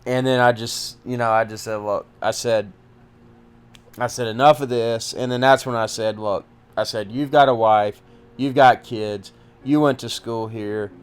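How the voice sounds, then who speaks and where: A man hosting a podcast, telling his own story in a casual, halting way with many restarts. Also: medium pitch, steady tone, smooth. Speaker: podcast host recounting personal story. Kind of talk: casual first-person storytelling.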